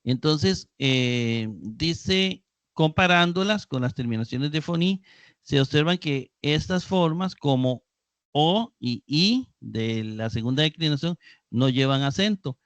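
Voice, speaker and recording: Slow, patient male Greek teacher. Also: a little high, lively intonation, no echo. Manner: patient, explains slowly and repeats key words. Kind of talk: live online class lecture.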